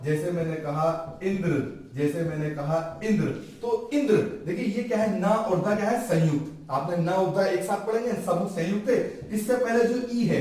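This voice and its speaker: Male grammar teacher, high-ish voice, asks and answers his own questions, recorded far off in a very echoey room. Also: a little mellow. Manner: asks the class questions and answers them himself. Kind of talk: classroom-style lesson.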